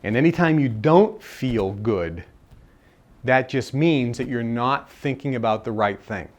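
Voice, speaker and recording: A man speaking at a live self-help seminar in a conversational way, repeating phrases for emphasis. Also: mid-range voice.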